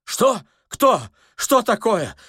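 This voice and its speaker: A shrill wailing old man. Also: big pitch swings, a bit bright, dry recording, studio quality, exaggerated voice. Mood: panicked. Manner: wailing, shrill, drawn-out pleading. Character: frightened whining old man, tearful and fussy. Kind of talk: audiobook character voice.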